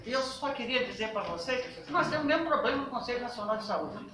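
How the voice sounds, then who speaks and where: A woman on a national health council gives an emphatic talk to a workshop, asking rhetorical questions and speaking loudly. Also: on the high side, animated, fast talker, a little hiss or hum. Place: workshop meeting room. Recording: roomy, from a distance.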